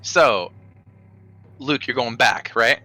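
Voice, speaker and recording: A man running a tabletop game as game master, narrating off the cuff with dramatic pauses. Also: medium pitch, pushed and bright, soft background music, poor audio.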